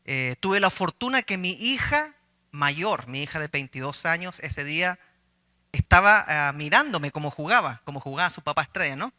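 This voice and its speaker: A man's voice: a little high, expressive, normal speed, sharp tone. A middle-aged man, a pastor giving a conversational sermon, telling a personal story with humor and questions to his listeners.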